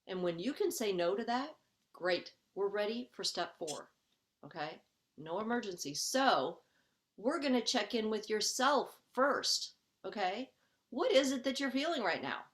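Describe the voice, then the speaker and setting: A woman's voice: medium pitch, expressive, a little slow, a bit bright. A middle-aged woman life coach teaching a webinar for parents. She is earnest and conversational, often checks in with "okay?", and acts out her own inner voice as she explains each step.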